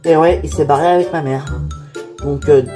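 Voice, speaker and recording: A man's voice: a little high, fairly even intonation, normal speed, close to an everyday voice. A performer voicing a blunt, offhand male music producer in a homemade toy-figure series.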